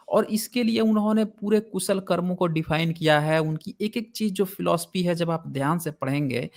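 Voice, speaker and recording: A man, hosting a channel and explaining old philosophy in a conversational way, reading from a text and commenting on it. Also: on the high side. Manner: mocks opponents in put-on voices. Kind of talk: casual explanatory talk.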